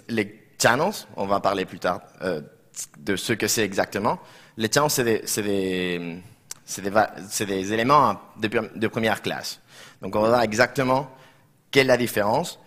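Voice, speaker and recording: A man's voice: lowish voice, normal speed, fairly bright tone. Spanish-accented man presenting in slightly broken French. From Barcelona, Spain. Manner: slightly broken non-native French, hesitant with frequent reformulations. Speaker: conference speaker, software developer. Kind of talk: technical conference presentation. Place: conference room, indoors.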